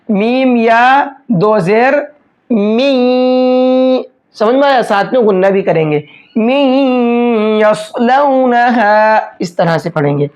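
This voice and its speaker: A man teaching a step-by-step recitation lesson. He explains each rule patiently, often checks that it is understood, and draws out slow examples. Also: sits high, darkish tone. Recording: dull lo-fi recording.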